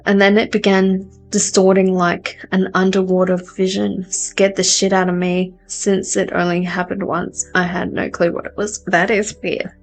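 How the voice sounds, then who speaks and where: A woman's voice: medium pitch, flat delivery, normal speed, hardly any pauses, soft background music. A woman hosting a live tarot stream, chatting casually with viewers and laughing often at herself. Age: adult. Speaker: tarot reader and livestream host. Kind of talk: casual chat reading out viewer comments.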